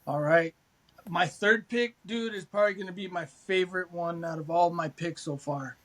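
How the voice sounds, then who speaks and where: A man's voice: sits high, normal speed. A man co-hosting a casual sports podcast, laid-back and rambling, swearing freely. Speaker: podcast co-host.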